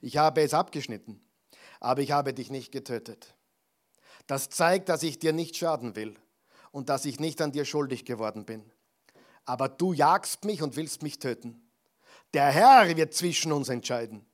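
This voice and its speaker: Ein Mann, der David als jungen Krieger spricht, ernst und eindringlich, der seine Unschuld beteuert. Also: male voice, medium pitch, animated, moderate pace, lightly acted. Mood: pleading. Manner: earnest, raised and emphatic. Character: young warrior David pleading his innocence, man.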